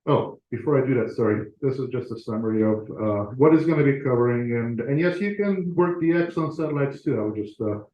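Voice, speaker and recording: Talking a little fast with lively intonation and hardly any pauses, a man in a mid-range voice addresses a club as a guest author. His informal, self-deprecating talk to the live audience in a meeting room is captured in echoey, slightly muffled audio.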